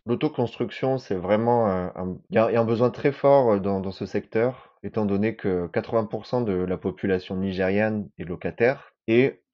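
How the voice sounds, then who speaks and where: On a podcast, a man in his thirties from southern France shares a personal testimony in a very low voice. He talks haltingly, restarting phrases and repeating words, and the recording is dull and lo-fi.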